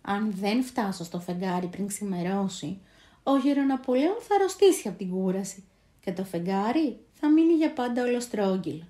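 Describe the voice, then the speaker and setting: In a lightly acted storybook reading, a woman voices a small, eager young male moon-coverer who talks earnestly, pleads with worry and cries out with all his strength. Her mid-range voice is expressive and mellow, with a roomy sound.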